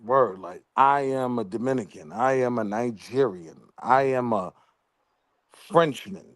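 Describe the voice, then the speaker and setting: Guy on a call-in panel making his case, slangy, kinda low voice, dry sound. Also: a little slow, no room sound. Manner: earnest, argumentative, slangy. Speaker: panel caller. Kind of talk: casual debate.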